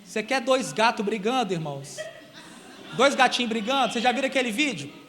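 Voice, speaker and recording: A Brazilian man preaching a sermon in a church, emphatic and animated, swinging between loud emphasis and quiet asides. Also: extremely high pitch, brisk, in a large hall, slight background noise. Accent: Brazilian Portuguese. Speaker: guest preacher. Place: large church hall.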